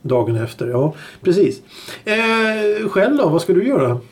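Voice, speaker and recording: Chatty middle-aged man, slightly high voice. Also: very animated. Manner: chatty, explains at length with restarts. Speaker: podcast co-host. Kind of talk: casual chat.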